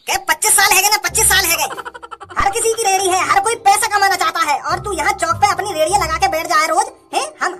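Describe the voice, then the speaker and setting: A woman doing a pushy cartoon bully vendor. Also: very high-pitched. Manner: taunting, pushy, insulting. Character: rude young male rival vendor, pushy bully. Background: music.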